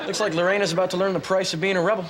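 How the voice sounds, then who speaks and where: A man's voice: high-pitched, flat delivery, rapid-fire, a loud crowd, heavy background noise, close to an everyday voice. A young man playing a swaggering, arrogant teenage boy who sees himself as a rebel, in a sitcom. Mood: cocky. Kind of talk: sitcom acting.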